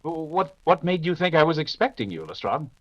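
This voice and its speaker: A man playing Sherlock Holmes, a courteous, authoritative gentleman detective, in an old-time radio mystery style. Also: on the high side, sing-song. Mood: brisk, inquisitive. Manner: clipped, deliberate, polite, deductive. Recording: dull, noisy audio with clicks.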